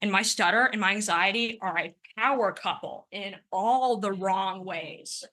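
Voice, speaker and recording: With a mid-range voice that is pushed and bright, a woman in her twenties speaks at a measured pace in a prepared personal conference talk. She stutters now and then, repeating sounds, while remaining earnest and emphatic.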